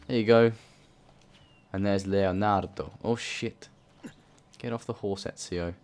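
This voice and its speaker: A man's voice: lowish voice, steady tone, a little slow, darkish tone. A man hosting a let's play, rambling and swearing through his gameplay commentary. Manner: swearing, rambling, self-talking. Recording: voice under game noise.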